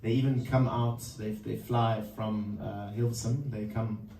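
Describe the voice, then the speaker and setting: A man from Zimbabwe, introducing a song at a live music session in a halting, thoughtful way full of pauses and fillers. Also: fairly low pitch, steady tone, mellow. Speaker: singer-songwriter introducing a song. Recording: roomy, distant mic with faint background noise.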